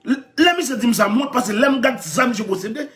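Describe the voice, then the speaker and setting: A man with a Haitian Creole accent telling stories in animated chat, laughing often and repeating his phrases. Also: very high voice, fast.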